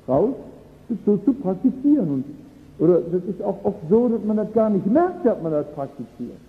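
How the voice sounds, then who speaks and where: A man preaching a sermon, earnest and emphatic, who repeats his key phrases for weight. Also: high-pitched. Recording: tinny phone-like sound in a long-echoing hall.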